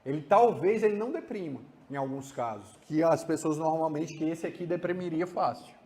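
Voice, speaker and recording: A man with a Brazilian accent giving a psychology lecture, animated and acting out examples, often adding tag questions. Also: a little high, fairly quick.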